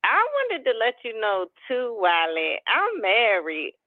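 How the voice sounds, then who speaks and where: A woman's voice: a little high, wildly swooping pitch, a little slow, no echo. A woman in her thirties calling into a show over a landline phone, chatting loosely in run-on sentences. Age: 30s. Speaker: caller. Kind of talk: casual call-in chat. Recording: dry, narrow landline phone line.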